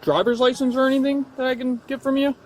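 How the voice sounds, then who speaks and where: A man's voice: very high voice, steady tone, quick pace, a little mellow. A male police officer questioning a driver patiently, with many hesitant fillers. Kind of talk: calm on-duty questioning. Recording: body camera audio with faint noise.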